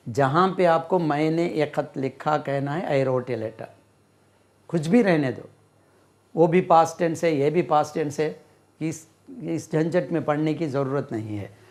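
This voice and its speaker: A man teaching English grammar, repeating words slowly while he writes on a board. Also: a little high, darkish tone. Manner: slow, repeats words and spells them out while writing. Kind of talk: classroom-style lesson explaining grammar.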